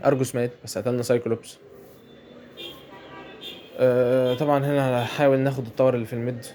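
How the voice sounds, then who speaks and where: Egyptian guy rattling off quick game commentary, repeats himself a lot, bit of hiss behind. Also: mid-range voice, little pitch movement, mellow. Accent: Egyptian Arabic. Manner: fast, chatty, repeats phrases, colloquial. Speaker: gameplay commentator. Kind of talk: mobile game commentary over gameplay.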